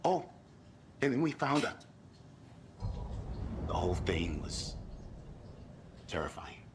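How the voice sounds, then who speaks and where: Brief: crude, rambling tourist husband in a game, slow, drawn-out delivery, big swings in pitch, low voice. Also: male voice, very animated, background noise, full character voice. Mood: shaken. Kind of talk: video game dialogue.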